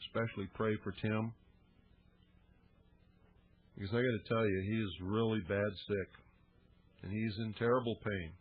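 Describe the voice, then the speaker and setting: A man speaks as a radio host in an earnest, plainspoken way, dotted with homely fillers. His voice is slightly low and husky. The sound is thin and narrow, like a phone line. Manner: earnest, heartfelt appeal with folksy fillers. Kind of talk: radio talk.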